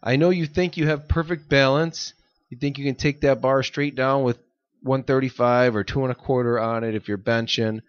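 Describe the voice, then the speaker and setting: A man's voice: mid-range voice, steady tone, moderate pace, no room sound. Laid-back guy co-hosting a fitness podcast. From United States. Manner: laid-back, rambling, laughs often. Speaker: podcast co-host. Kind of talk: casual chat. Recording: dull lo-fi audio.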